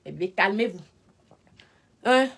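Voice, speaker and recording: A woman's voice: medium pitch, animated, slow, gravelly, fairly bright tone. A woman, giving casual live-stream commentary, talking straight to her viewers and repeating her points for emphasis.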